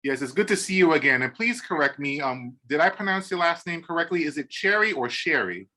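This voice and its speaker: A man's voice: a little high, expressive, fast, sharp tone. A man hosting a poetry podcast interview over a video call, enthusiastic, with many "um"s and repeated "awesome". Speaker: podcast host.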